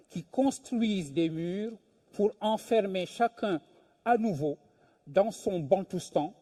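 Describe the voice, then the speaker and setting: Older guy giving a talk, high-ish but dark mellow voice, slow and deliberate with lots of pauses. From Senegal. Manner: measured, deliberate delivery with emphatic pauses. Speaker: invited speaker, philosophy professor. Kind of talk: lecture at a public event.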